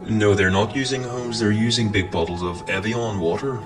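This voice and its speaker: Pompous man with a lowish voice. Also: fairly quick, music in the background, low-quality recording. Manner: pompous, snooty and indignant. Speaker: comedian playing a posh prank caller. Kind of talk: character comedy sketch.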